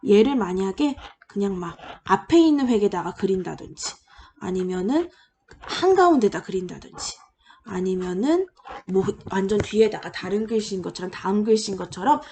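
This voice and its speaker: A woman's voice: mid-range voice, a little mellow, slight background noise. A woman lecturer patiently explaining, step by step, how to draw letters in an online language lesson.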